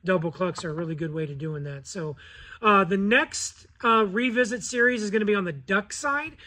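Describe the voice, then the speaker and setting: A man's voice: high voice, moderate pace, pushed and bright. An American man in his thirties giving a casual, informal spoken tutorial as a hunting-call instructor. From Colorado, United States. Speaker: goose-calling instructor. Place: indoors in a cluttered garage or workshop.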